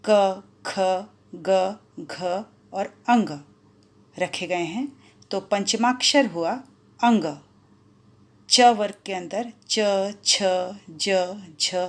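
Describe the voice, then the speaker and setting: A woman teacher explaining Hindi grammar to schoolchildren, drawing out each example sound. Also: medium pitch. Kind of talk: explaining a grammar lesson to children.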